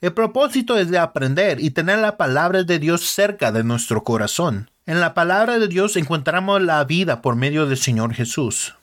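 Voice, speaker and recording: A man's voice: a little high, lively intonation, normal speed, few pauses, a bit bright. A man hosting a podcast, retelling Bible stories simply and earnestly, sometimes stopping to correct a word. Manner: plain, earnest, with small self-corrections. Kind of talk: simple Bible story narration.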